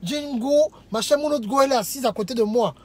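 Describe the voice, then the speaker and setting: A man, coaching men on women in a lively monologue that acts out little scenes. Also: very high voice, fast talker. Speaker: dating coach. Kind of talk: animated advice monologue.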